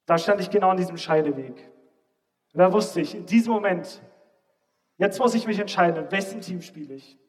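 A man preaching a sermon and telling a personal story, swinging between loud, emphatic stretches and almost whispered lines. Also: sits high, a little fast, big-room sound.

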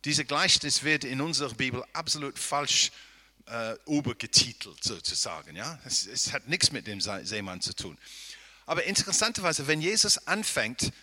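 A man's voice: mid-range voice, very animated, moderate pace, bright, forceful tone. A man preaching a Bible-teaching sermon, often asking the listeners rhetorical questions and checking in with "ja?" as he thinks aloud. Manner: thinks aloud, with restarts and hedging.

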